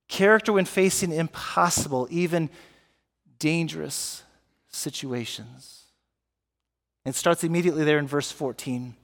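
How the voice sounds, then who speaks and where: A man preaching a sermon as pastor, animated and often asking his congregation questions. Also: on the high side, gravelly, big-room sound. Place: church sanctuary.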